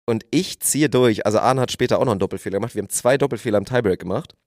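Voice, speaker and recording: A man's voice: mid-range voice, rapid-fire, darkish tone, no echo, clean studio sound. Self-mocking man telling a sports story. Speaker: guest athlete. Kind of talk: casual chat.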